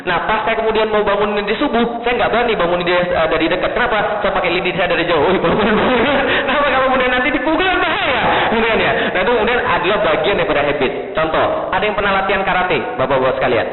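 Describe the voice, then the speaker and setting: A male preacher giving a lively lecture to a seated audience, joking and quizzing them with rhetorical questions. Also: high-pitched, very fast, hardly any pauses, background noise. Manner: jokey, keeps quizzing the crowd with rhetorical questions. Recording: tinny phone-like sound in an echoey hall.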